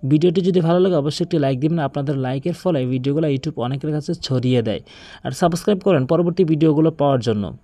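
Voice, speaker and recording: A man teaching correct Quran pronunciation, explaining step by step and then reciting the verses slowly and drawn out. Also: a little high, warm tone, no room sound.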